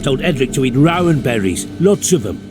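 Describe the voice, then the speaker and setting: An actor playing a rough, surly peasant gang leader in a video game, with a menacing, rustic way of talking. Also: male voice, mid-range voice, very animated, brisk, over music, close to an everyday voice. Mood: hostile.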